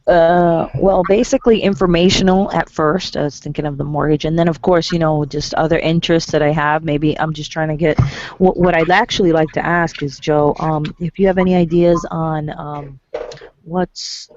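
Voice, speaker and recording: A woman's voice: low voice, fairly even intonation, moderate pace, darkish tone, slight background noise. A woman in a casual online group discussion, asking a question in a hesitant way as she searches for words. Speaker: guest in discussion. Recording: dull lo-fi call audio.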